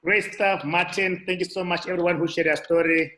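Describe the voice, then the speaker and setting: A man from South Africa pitches a business opportunity over a video call. His voice is bright and forceful, sits a little high, and carries a roomy echo. He stumbles through restarts and fillers as he goes. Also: fairly even intonation. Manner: halting, many restarts and fillers. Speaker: guest speaker on a call. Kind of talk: motivational sales presentation. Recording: echoey room audio.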